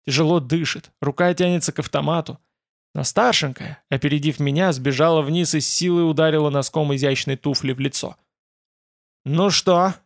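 Guy reading an audiobook, gravelly, a bit high, dead dry sound, deadpan. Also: fairly quick, dry recording. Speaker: audiobook narrator. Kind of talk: first-person audiobook narration.

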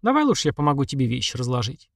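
A man voicing a blunt, sharp-tongued young woman in an audiobook reading. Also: very animated, rapid-fire, gravelly, no echo, studio quality. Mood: calm. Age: young adult. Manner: raised pitch for the girl.

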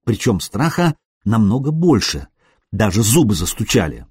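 A man reading an adventure novel aloud as a studio audiobook, in an expressive style that briefly acts out the characters. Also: fairly low pitch, moderate pace, breathy edge, no echo. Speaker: audiobook narrator. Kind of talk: scripted audiobook narration.

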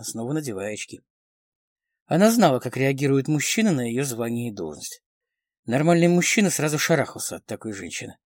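Animated male audiobook narrator. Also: medium pitch, dry recording, studio quality. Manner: animated, expressive reading. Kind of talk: scripted narration of a crime novel.

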